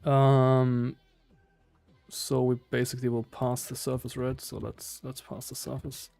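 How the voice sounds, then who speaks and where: A man's voice: mid-range voice, little pitch movement, measured pace, vocal fry, a little mellow, faint music behind. A man with a German accent doing casual live coding commentary, hesitantly thinking aloud in fragments. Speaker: live-streaming programmer.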